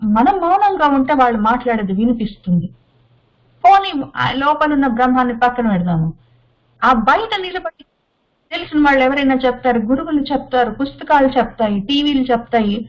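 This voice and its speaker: High-voiced woman giving a slow discourse. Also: animated. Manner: unhurried, repetitive listing with rhetorical questions. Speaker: Bhagavad Gita teacher. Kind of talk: spiritual discourse. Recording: dull lo-fi sound.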